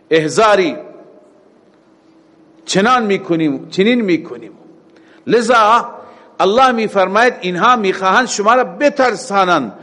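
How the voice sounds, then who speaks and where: A middle-aged man giving a verse-by-verse scripture lesson. He chants each verse slowly, then explains it in casual everyday speech. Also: a little high, a bit bright. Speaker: Quran teacher. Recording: long reverb, like a mosque hall.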